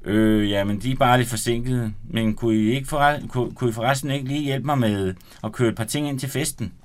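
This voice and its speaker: A man's voice: medium pitch, lightly acted. A man voicing a boastful young man who hesitates and makes excuses. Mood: boastful, evasive. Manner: boastful, hesitant when caught out.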